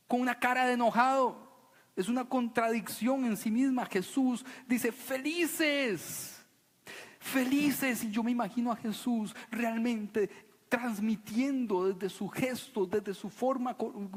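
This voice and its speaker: A man preaching a sermon to a congregation, animated and playful, sometimes mocking a solemn preaching voice. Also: very high voice. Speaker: pastor. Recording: long reverb of a church hall.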